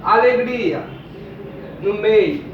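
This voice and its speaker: A man teaching a lesson, reading words out slowly and repeating each one. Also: sits high, expressive, noisy background. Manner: slow, deliberate, repeats each word. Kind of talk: classroom lesson, reading a word list. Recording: distant, muffled, echoey room.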